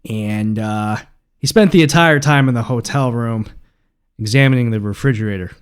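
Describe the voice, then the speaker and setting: A man's voice: mid-range voice, moderate pace, clean tone. A man hosting a solo podcast, talking casually and rambling with many fillers. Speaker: podcast host.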